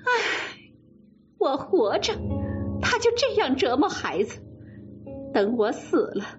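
A woman storyteller voicing a proud, sharp-tongued young noblewoman in her twenties, high and commanding. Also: very animated, measured pace. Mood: mournful. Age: 20s. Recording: dull lo-fi sound with faint music.

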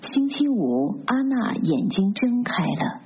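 A woman narrating a literary novel aloud in a steady, measured storytelling manner. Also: on the high side, slight background noise. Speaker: audiobook narrator. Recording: dull lo-fi recording.

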